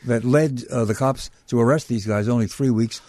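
A man hosting a radio talk show, asking probing questions in a measured way and summarizing his guest's points. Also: mid-range voice, a little mellow, no echo. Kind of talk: radio interview. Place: radio studio.

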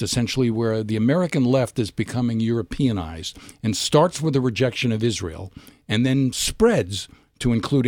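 Measured male political commentator. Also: mid-range voice, a little mellow, no room sound, studio quality. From New York. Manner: measured, analytical, with hesitant restarts. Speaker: political editor guest. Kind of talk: radio panel discussion.

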